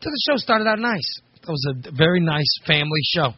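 Comic talk-show host, male, animated high voice, rambles, lo-fi sound. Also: a little fast, breathy edge, no room sound. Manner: rambling, self-interrupting, chatty. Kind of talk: casual comedic internet talk show. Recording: dull lo-fi recording.

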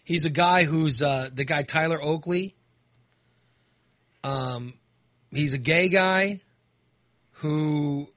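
An American man hosting a casual radio chat, rambling and halting, with frequent fillers and restarts. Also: on the high side, a bit bright, no echo. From United States. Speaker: radio host.

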